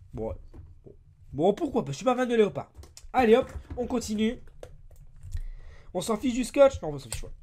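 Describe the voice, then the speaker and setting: A man from France with a hoarse, broken voice from a cold, excitedly opening surprise toys in a casual unboxing vlog, exclaiming and repeating himself. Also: high-pitched, slight background noise. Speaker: toy-opening YouTuber.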